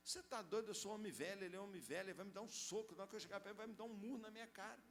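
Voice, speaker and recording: A man's voice: sits high, sing-song, normal speed, slight background noise, voice pushed up. A man voicing a stubborn grown son who argues with God in a sermon story. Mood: exasperated protest.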